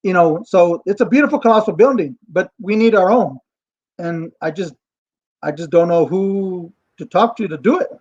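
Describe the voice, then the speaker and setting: A high-voiced man with an American accent, the kind that colors his Spanish too, speaks in a halting, informal way. The sound is dull and lo-fi, like a call microphone. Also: darkish tone. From Texas, United States. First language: English. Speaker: guest, actor and writer. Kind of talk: informal interview over video call.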